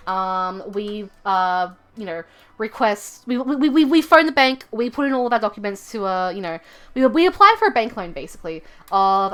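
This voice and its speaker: A woman's voice: medium pitch, fairly bright tone. A young woman telling a rambling story to her stream as she draws, full of fillers and side remarks. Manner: rambling, with many fillers and asides. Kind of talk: casual storytelling while drawing on stream.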